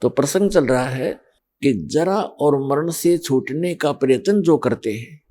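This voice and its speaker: A male preacher delivers a religious sermon at a very unhurried, deliberate pace. His voice is soft and mellow, pitched somewhat high for a man. He explains each point with patient, measured emphasis. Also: expressive. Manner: slow, measured, explanatory preaching with scripture quotes. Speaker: spiritual preacher.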